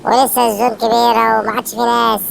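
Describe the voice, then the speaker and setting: Gravelly Egyptian woman calling game action. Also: on the high side, racing, a little hiss or hum. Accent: Egyptian Arabic. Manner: excited, urging teammates, frequent shouted calls. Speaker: gamer streamer. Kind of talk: live gameplay commentary.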